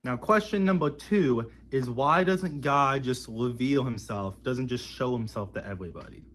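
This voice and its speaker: Man, average pitch, casual explanatory talk, didactic, conversational. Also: moderate pace, a bit bright. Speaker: video speaker explaining religious belief.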